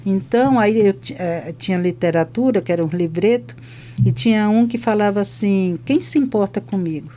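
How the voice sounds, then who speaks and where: A woman's voice: medium pitch, normal speed, slight background noise. An older woman, a hospital chaplain from Brazil, telling testimony stories on a podcast and acting out both sides of each conversation. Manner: lively retelling that acts out both sides of conversations.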